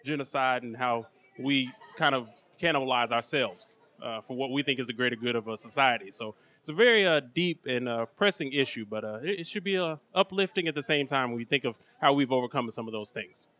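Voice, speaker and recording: A man being interviewed as an actor, speaking casually in a measured, earnest way. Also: medium pitch, sharp tone. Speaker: actor interviewed at a film premiere. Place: film premiere red carpet.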